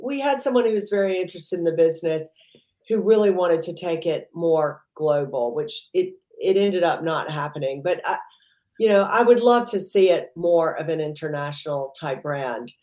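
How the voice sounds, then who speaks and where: A woman with a lowish voice chats loosely as an interview guest, circling her points and filling gaps with "you know". The recording has a noticeable roomy echo. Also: expressive, normal speed, warm tone. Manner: rambling, heavy use of "you know". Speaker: entrepreneur guest. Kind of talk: casual interview chat.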